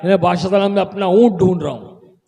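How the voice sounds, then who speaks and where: A man voicing an odd camel herder who calls out loudly, as if from far off. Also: high-pitched, fairly quick, creaky. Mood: calling out. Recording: long echoing reverb.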